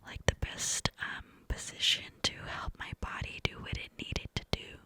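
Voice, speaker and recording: A woman's voice: moderate pace, sharp tone. Young woman in a cupped-hand whisper. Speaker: ASMR storyteller. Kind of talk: whispered ASMR personal storytime ramble. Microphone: close to the mic, mouth cupped by hand.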